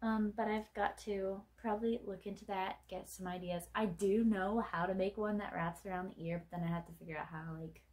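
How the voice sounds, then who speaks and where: A woman's voice: mid-range voice, steady tone, fairly quick, few pauses, a little mellow. A young woman in her twenties chatting casually to the camera in a late-night vlog, rambling with many fillers and self-mocking asides. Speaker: vlogger.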